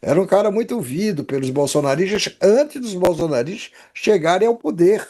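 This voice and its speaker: A man's voice: high voice, lively intonation, a little fast, darkish tone. A Brazilian man hosting a casual political discussion, stammering and circling back on his words. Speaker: talk show host.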